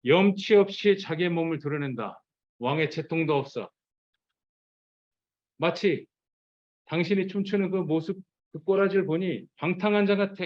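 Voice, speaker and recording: A man's voice: high-pitched, moderate pace, a little mellow, highs cut off, voice pushed up, natural voice. A man putting on a sneering, mocking queen. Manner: sarcastic, taunting. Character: scornful queen mocking her husband.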